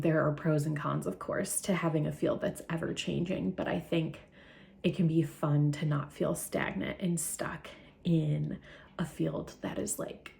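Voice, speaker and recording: A woman's voice: fairly low pitch, creaky, mellow. A young woman, a therapist hosting her own channel, talking in a chatty, earnest vlog, a little out of breath. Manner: chatty, earnest, filler-heavy. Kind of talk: casual talking-head vlog.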